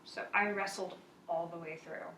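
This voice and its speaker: Thoughtful woman talking thru her day's prayer, bright voice, echoey room w faint noise. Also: lowish voice, fairly even intonation, moderate pace. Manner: earnest, thoughtful. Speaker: roommate sharing prayer reflection. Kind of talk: casual spoken reflection. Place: home at night.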